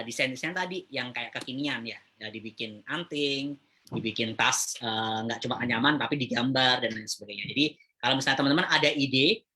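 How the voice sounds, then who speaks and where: Bright-voiced man giving a chatty webinar talk. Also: medium pitch. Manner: frequent "eh" hesitations, chatty address to viewers. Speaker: webinar speaker. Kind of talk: casual webinar presentation.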